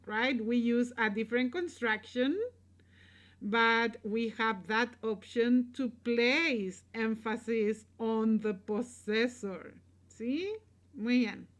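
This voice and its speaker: A woman teaching a recorded Spanish grammar lesson, explaining patiently and checking in with "right?". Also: a little high.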